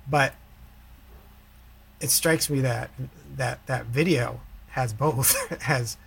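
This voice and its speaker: A man talking in a thoughtful, unhurried way in casual conversation, with a few restarts. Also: medium pitch, vocal fry, a bit bright, husky.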